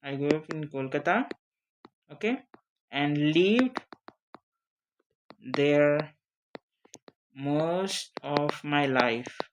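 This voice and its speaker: An online teacher of interview English, not a native English speaker, gives an informal lesson with examples, speaking slowly and haltingly over background noise. The voice is mid-range and animated, with lots of repetition and frequent "okay?" check-ins.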